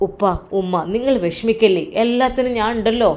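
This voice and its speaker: A woman's voice: a little high, brisk, a little mellow, natural voice. A woman voicing a devoted, guilt-ridden young man in a spoken story, earnest and reassuring.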